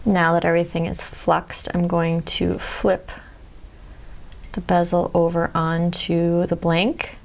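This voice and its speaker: A Midwestern woman walks through a soldering demo in a low, gravelly voice. She explains each step in a friendly way and now and then goes quiet and breathy while she focuses. A faint hum of noise sits under the workshop recording. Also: completely flat delivery, takes it slowly. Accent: Midwestern American. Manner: friendly, explanatory, drops to near-whisper while concentrating. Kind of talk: step-by-step craft demonstration.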